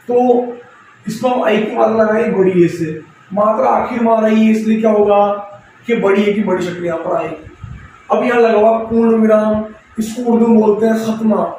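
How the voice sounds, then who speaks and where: Man, high voice, teacher, patient step-by-step explaining, self-answered questions, very echoey room, heard from a distance. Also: warm tone, a little hiss or hum. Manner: explaining patiently, repeating letters and asking questions he answers himself. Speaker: Urdu teacher. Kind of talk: step-by-step script lesson.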